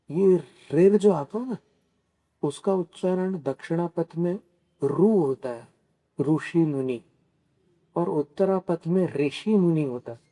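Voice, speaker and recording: Slow, dark-voiced man teaching in a sermon. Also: high voice. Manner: slow, teaching, poses questions to listeners and answers them; carefully spells out pronunciations. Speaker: Jain monk giving a scripture discourse. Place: Kolhapur.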